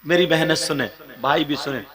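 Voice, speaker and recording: A man delivering an emotional religious sermon to a live gathering, questioning the crowd and rising from soft asides to shouted, half-sung passages. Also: a little high, moderate pace. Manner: keeps questioning the audience directly. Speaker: preacher. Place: stage before a live gathering.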